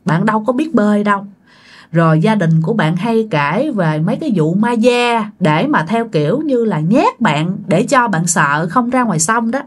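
A woman's voice: medium pitch, lively intonation, normal speed. A woman telling a ghost story in a chatty, casual way, talking straight to her listeners. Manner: chatty, addresses listeners directly.

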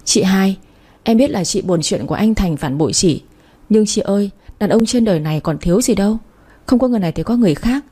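A woman's voice: medium pitch, warm tone, husky. A woman voicing a scheming young woman who plays a sweet, frightened younger sister, whining and pleading. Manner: whiny, pleading, syrupy.

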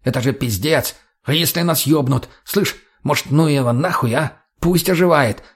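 A jittery male addict, cursing and yelling in panic with a husky, rough-edged voice, as the narrator puts him on. An audiobook character in full nervous meltdown. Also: on the high side, moderate pace. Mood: panicky, cursing.

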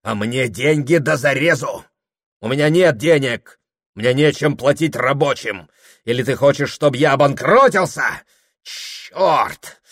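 A man voicing a domineering, grandiose husband who shouts and hammers every phrase in an audiobook. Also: mid-range voice, expressive, measured pace, dry recording, clean studio sound, voice pushed up. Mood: furious commanding. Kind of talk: audiobook character voice.

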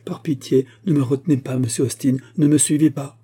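A man's voice: mid-range voice, lively intonation, moderate pace, mellow, slightly rough, voice pushed up. A man voicing a frightened young woman. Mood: pleading. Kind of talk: audiobook character voice.

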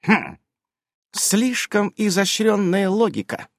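Мужчина изображает колючую недоверчивую девушку. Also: male voice, high-pitched, slow pace, no room sound, studio quality, voice pushed up, heavily acted. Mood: skeptical. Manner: curt, skeptical. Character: suspicious sharp-tongued young woman, bristling.

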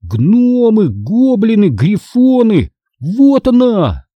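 Brief: male reader as eager kid brother, breathless, pitched high. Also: huge pitch swings, slow, no room sound, dull audio, heavily acted. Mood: excited. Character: excited breathless young boy, the brother.

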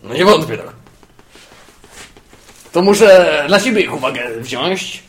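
A man improvising a comic role-play character on a podcast, talking in a chatty, musing way with drawn-out asides. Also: a little high, lively intonation. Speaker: podcast co-host playing a character.

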